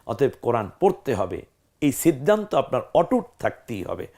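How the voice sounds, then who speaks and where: A man teaching a Quran pronunciation lesson, explaining and slowly demonstrating each letter sound and repeating drills. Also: mid-range voice, big pitch swings, a little mellow.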